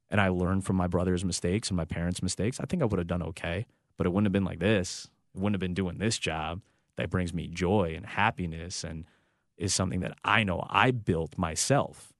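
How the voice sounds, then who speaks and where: In a clean, echo-free studio recording, a low-voiced man from the United States, a sports broadcaster in his thirties, recounts a story about his family. He speaks reflectively and from the heart, often starting over mid-thought.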